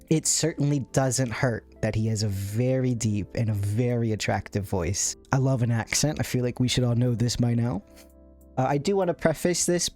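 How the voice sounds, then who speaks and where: A man's voice: mid-range voice, a little mellow. A man narrating a video essay about a streamer in a chatty, playful way, with self-aware asides. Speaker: content creator. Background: faint background music.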